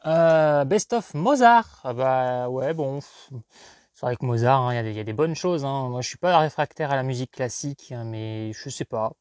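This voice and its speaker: A man in his thirties from France talks over his secondhand CD finds in a loose, off-the-cuff way. He wanders from thought to thought and doubts himself, then perks up with sudden excitement at each new find. His voice sits at an ordinary middle pitch. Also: normal speed, clean tone, no room sound. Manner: rambling, self-questioning, bursts of excitement. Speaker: collector vlogger. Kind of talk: casual unboxing commentary.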